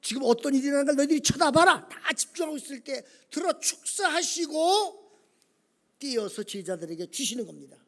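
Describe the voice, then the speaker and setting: A man preaches a sermon in a church sanctuary, his voice sitting very high for a man. He drops to quiet, close talk and then rises into shouted calls, often turning to the congregation with questions. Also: expressive, brisk. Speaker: pastor.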